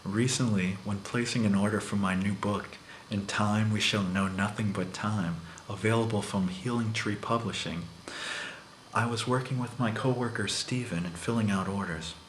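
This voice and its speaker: A soft-spoken man guides a mock meditation with earnest, self-important solemnity. His voice rings through a very echoey room and sounds a little distant from the mic. A faint hiss sits underneath. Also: lowish voice, fairly even intonation, normal speed.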